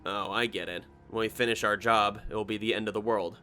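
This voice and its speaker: Gruff, sceptical storybook engineer, read by a man: dry, weary grumble, low-key, music behind. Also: fairly even intonation, a little fast, sharp tone. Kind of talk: short story character dialogue.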